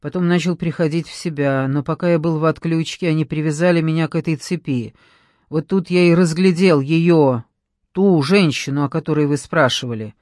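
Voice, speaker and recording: A man's voice: fairly high pitch, moderate pace, a little mellow, no echo, studio quality, lightly acted. A man reading an audiobook, voicing a frightened captive who pleads and stammers. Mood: explaining.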